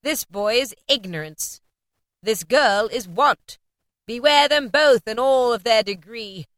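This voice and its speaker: A woman voicing a stern, sorrowful spirit who speaks in loud, slow, solemn pronouncements. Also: a little high, lively intonation, no echo, studio quality, voice pushed up. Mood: solemn warning.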